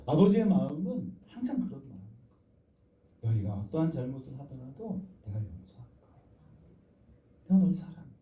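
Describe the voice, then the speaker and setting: A man's voice: mid-range voice, very animated, normal speed, pauses often, mellow. A man, the senior pastor, preaching a sermon in a church and drawing the congregation into responses and shared reading aloud. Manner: interactive, prompts the congregation to respond and read aloud together. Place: church sanctuary. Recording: echoey church hall, voice from far off the mic.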